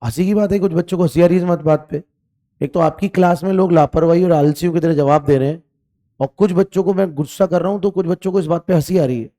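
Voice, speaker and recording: A man's voice: on the high side, fast talker, dark tone. A man teaching chemistry in an online exam-prep class, asking questions, repeating them and scolding students for lazy answers.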